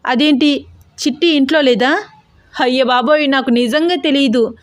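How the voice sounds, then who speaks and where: A woman reading a storybook aloud and voicing a panicked young man who cries and begs in a high, wailing voice. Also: normal speed, no echo, clean studio sound, lightly acted. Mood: terrified pleading. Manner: wailing, pleading, high-pitched.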